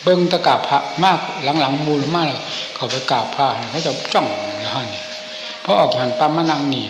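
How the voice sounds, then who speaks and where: Older Isan monk reminiscing in an echoey hall. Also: male voice, a little high, moderate pace. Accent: Isan, northeastern Thai. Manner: animated old-man storyteller, acting out dialogue, chuckling often. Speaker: senior Buddhist monk reminiscing. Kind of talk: informal storytelling, reminiscing. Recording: echoey hall with clear background noise.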